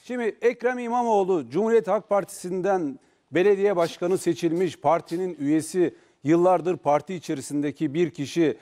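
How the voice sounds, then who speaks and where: A man's voice: sits high, normal speed, mellow. A man on a heated TV panel who dismisses a claim and repeats himself emphatically.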